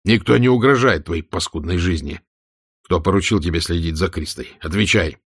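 A man voicing a furious, cursing foreign agent who shouts abuse in a car. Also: sits low, moderate pace, breathy edge, dry recording, clean studio sound. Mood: bitter tirade. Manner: shouting, abusive.

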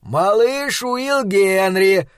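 A man reading a storybook aloud, voicing a jolly, plump, rosy-cheeked male shopkeeper with a loud, drawn-out, theatrical delivery. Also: sits high, smooth, no room sound, studio quality, voice pushed up. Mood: jovial.

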